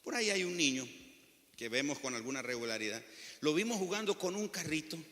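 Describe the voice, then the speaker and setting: A man's voice: a little high, lively intonation, a little fast, sharp tone. A middle-aged man, preaching a sermon with passion and telling stories as pastor. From Nicaragua. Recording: long reverb of a church hall.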